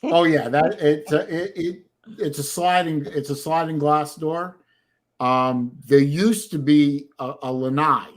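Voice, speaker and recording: A man's voice: a little high, measured pace. A man with a faint Boston accent hosting a casual live stream chat, often stopping and repeating words as he thinks. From Boston area, United States. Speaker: livestream host.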